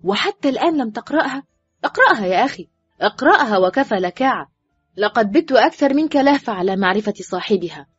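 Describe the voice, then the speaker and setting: A woman voicing a loud, mocking male friend. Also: fairly high pitch, expressive, fast, husky, no echo, pitched above the performer's own voice. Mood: impatient. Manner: loud, needling and incredulous. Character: man, teasing, mocking friend. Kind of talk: audiobook character voice. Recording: dull, dry recording with faint music.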